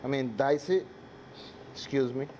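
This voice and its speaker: A man's voice: medium pitch, measured pace, mellow, dull audio. A man with a Dominican accent, a native Spanish speaker, chatting casually to viewers and crew as he hosts a cooking demonstration. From Dominican Republic. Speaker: chef hosting a live cooking class. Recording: clear sizzling and kitchen noise.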